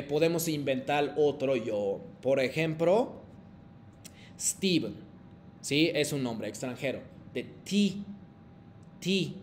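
Man, language teacher, patient, frequent check-ins, lots of fillers, slightly high voice, faint rumble behind. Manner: hesitant phrasing with many fillers. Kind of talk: language lesson with call-and-repeat drills.

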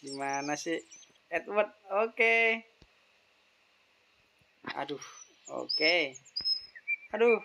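A gaming channel host giving casual, excitable commentary while playing, with frequent exclamations and laughs. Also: mid-range voice, very slow, vocal fry, long pauses. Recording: loud background noise with birdsong.

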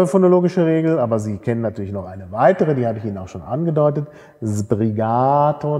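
A man's voice: lowish voice, dark tone, husky. A man giving a university lecture, explaining step by step and often checking in with tag questions and fillers. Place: lecture hall. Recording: reverberant lecture hall.

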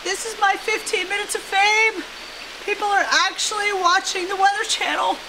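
A woman's voice: very high-pitched, little pitch movement. A middle-aged woman playing a self-important, overwrought TV storm reporter in a spoof live weather report, stretching her words for drama. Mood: flustered, self-absorbed. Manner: overwrought, drawn-out dramatic emphasis. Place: outdoors at night on rainy driveway. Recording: rain noise outdoors, camera mic. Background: rain falling.

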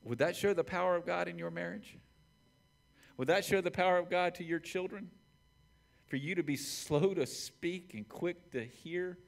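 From a church stage, a pastor in his forties delivers an impassioned sermon at normal speed in a high-pitched voice with vocal fry. He alternates between raised, shouted points and hushed, quiet prayer.

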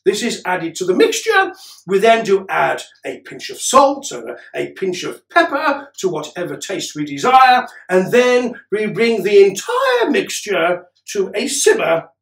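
A middle-aged man playing a pompous King Henry VIII as a cookery demonstrator, with archaic, deliberate phrasing and dramatic pauses, recorded in a room from a distance. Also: sits high, wildly swooping pitch, gravelly, fairly bright tone, heavily acted. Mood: stately, instructive. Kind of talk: mock-Tudor cookery demonstration to camera. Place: indoor room with cloth backdrop. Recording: roomy, distant camera microphone.

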